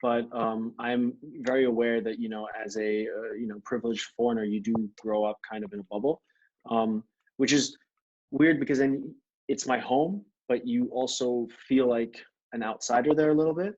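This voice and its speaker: A man from Thailand talks in a relaxed, rambling way, restarting sentences and leaning on fillers. His voice sits mid-range. The video call audio is dull and lo-fi. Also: medium pitch, normal speed. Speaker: podcast guest. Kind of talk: casual conversation. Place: grandmother's home.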